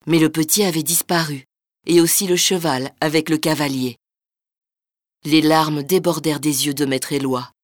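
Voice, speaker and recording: Woman reading an old folk tale aloud, lowish voice, lively rhythm, close dry sound. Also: moderate pace, dry recording. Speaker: storyteller.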